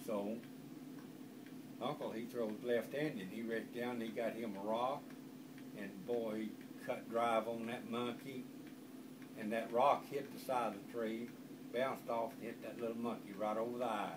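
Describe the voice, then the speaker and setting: A man's voice: mid-range voice, fairly even intonation, a little slow. An older man with a rural Southern American accent and a folksy grandpa voice, spinning an informal, rambling country yarn. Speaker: grandfather telling family stories. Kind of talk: informal oral storytelling. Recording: distant microphone, loud background noise.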